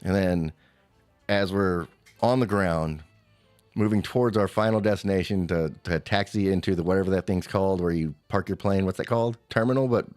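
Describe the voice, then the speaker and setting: A man with a fairly low voice spins a loose, animated story, jumping up in pitch when he acts out other people. The sound is dry and close, with faint music underneath. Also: normal speed, no room sound. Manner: animated storyteller, mimics a screaming child in high squeals. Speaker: podcast co-host. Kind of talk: casual storytelling chat.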